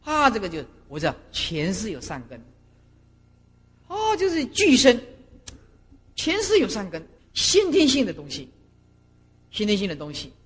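A middle-aged woman, a Buddhist master lecturing monastic students and telling stories with lively acted-out scenes. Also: mid-range voice, measured pace, pauses often. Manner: animated storyteller who acts out scenes. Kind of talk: doctrinal lecture with personal stories. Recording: reverberant lecture hall.

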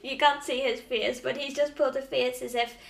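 A playful woman with a bright, fairly high voice and a gravelly edge to it, teasing her partner through a word quiz. She sits a little back from the mic in an echoey room. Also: flat delivery, brisk, recorded from a distance. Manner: playful, teasing, laughs often. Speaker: vlogger quizzing her partner. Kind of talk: casual teasing chat.

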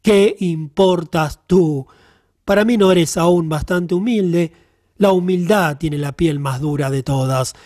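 A man voicing a stern, voiceless spirit of the silent hour in an audiobook, speaking slowly and solemnly. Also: a little high, a little mellow, dry recording, studio quality. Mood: stern, admonishing.

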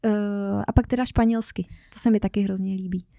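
A woman's voice: mid-range voice, fairly even intonation, gravelly, dark tone, no echo, clean studio sound. A woman from northern Bohemia, a travel content creator, chatting animatedly as a podcast guest and laughing often. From northern Bohemia, Czechia. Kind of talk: casual podcast chat.

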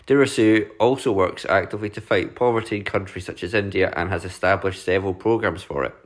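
A man with a slightly low voice co-hosting a laid-back podcast. He reads out quiz text and jokes around between readings. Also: fast talker. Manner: jokey, reads out quiz text then banters. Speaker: podcast co-host. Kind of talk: casual chat.

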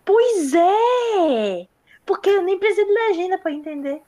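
A woman co-hosting a casual podcast, expressive and emphatic with playful exclamations. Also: very high-pitched, fast talker. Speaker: podcast co-host.

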